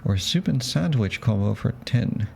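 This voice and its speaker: A man's voice: medium pitch, lively intonation, a little slow, vocal fry, darkish tone, slight background noise. A man voicing a blunt, sardonic female street food vendor in a game. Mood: brusque.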